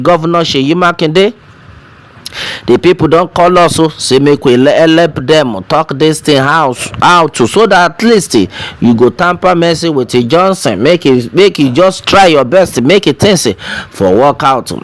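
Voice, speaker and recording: A man's voice: a little high, measured pace, dry recording. A man with a Nigerian accent speaking Nigerian Pidgin, giving informal commentary in an emphatic, pleading way full of rhetorical questions. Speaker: online news commentator. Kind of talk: informal spoken commentary, direct appeal.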